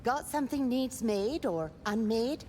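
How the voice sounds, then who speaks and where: Lively scatterbrained engineer. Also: female voice, a little high, slight background noise. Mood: eager, flustered. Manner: flustered, easily distracted, halting. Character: scatterbrained, eager female engineer inventor. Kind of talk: video game character dialogue.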